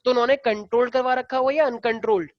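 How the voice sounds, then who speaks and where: A man's voice: very high voice, fairly even intonation, fast talker, no room sound, lo-fi sound. A male teacher lecturing a class in a casual way, explaining step by step and firing questions at the students.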